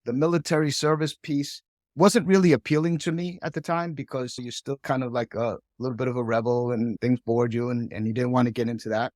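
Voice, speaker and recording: A man's voice: medium pitch, steady tone, fairly quick, a little mellow, no room sound. Chatty middle-aged man, dry close sound. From Hong Kong. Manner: chatty, keeps tagging "right?". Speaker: podcast guest. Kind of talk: casual storytelling.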